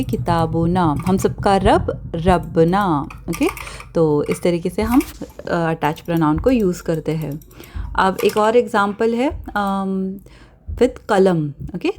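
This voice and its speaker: A woman teaching Arabic grammar in an online lesson. She mixes Hindi-Urdu with English, spells out words slowly, and keeps adding "okay". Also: mid-range voice, a little mellow. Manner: repeats words slowly, then explains quickly with frequent "okay".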